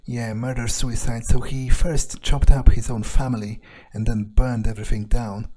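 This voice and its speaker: A gamer thinks aloud while narrating an in-character playthrough, his improvised commentary musing, sardonic, understated, and casually profane. The voice is mid-range with a dark tone, level and moderately paced.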